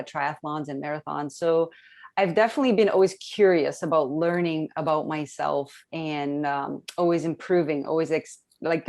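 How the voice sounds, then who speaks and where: A woman from Romania who works as a health coach speaks as a webinar guest over a video call. Her voice sits very low for a woman. She talks in a loose, chatty way, full of fillers and restarts. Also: darkish tone. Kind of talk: casual webinar testimony.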